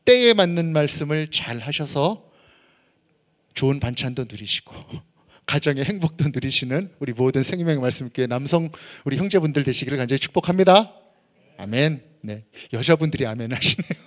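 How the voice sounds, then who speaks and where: A man's voice: medium pitch, brisk. A man preaching as a pastor, leading his congregation in reading scripture aloud and acting out everyday scolding. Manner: animated, acts out everyday scolding. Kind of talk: sermon.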